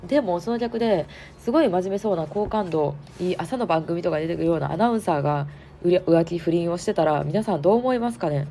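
Kansai woman chatting solo on her podcast, hoarse n stuffy nose, lowish voice, lots of um and well. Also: animated, quick pace, hardly any pauses, mellow, a little hiss or hum. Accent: Kansai Japanese. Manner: chatty, frank, many fillers. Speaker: podcast host. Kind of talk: casual solo podcast talk.

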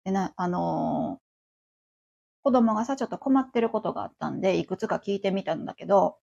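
A woman's voice: medium pitch, moderate pace, gravelly, dark tone, breathy edge, highs cut off. A woman around forty with a Kansai accent, chatting on her own as host of a livestream radio show, rambling along with many fillers. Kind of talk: casual solo chat.

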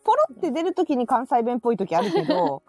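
High-voiced cheerful woman. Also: huge pitch swings, fast, a little mellow, dry recording, soft background music. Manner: cheerful, laughs a lot. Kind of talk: casual chat.

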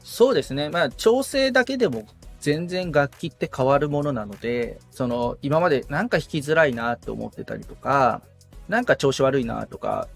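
With faint music in the background, a creaky, medium-pitched male voice talks at normal speed with lively intonation. He is a guitar repair technician of roughly forty, a podcast guest in a casual interview who explains carefully and phrases things tentatively.

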